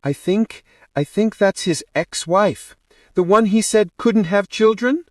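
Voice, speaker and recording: A man puts on a high, very animated voice, pitched above his natural range, to play a nervous young bridesmaid who speaks with hesitation and unease. He talks at a normal speed, and the studio recording is clean with no room sound. The overall mood is uneasy.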